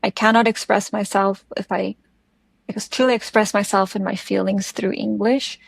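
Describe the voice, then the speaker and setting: A South African woman with an Afrikaans accent and Afrikaans as her first language, speaking thoughtfully and haltingly as an interview guest. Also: mid-range voice, steady tone, creaky, husky, dry recording. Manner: thoughtful, halting, searching for words. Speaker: podcast guest. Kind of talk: reflective interview conversation.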